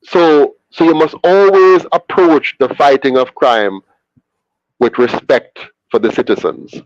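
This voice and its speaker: A man's voice: a little high, lively intonation, measured pace, no room sound. A man with a Jamaican accent speaks emphatically over a video call, repeating key phrases, his audio glitching and breaking up. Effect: glitchy, breaking-up internet call audio. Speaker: interview guest. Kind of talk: earnest political argument. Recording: dull, dry, lo-fi internet call.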